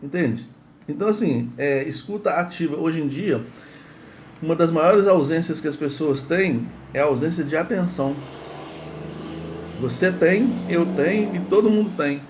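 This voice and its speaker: A man gives a morning sermon, chatty and relaxed, often repeating himself and checking that listeners follow. His voice sits a little high for a man. A faint hiss runs underneath. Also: normal speed. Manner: conversational, repeats words, asks "entende?". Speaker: preacher.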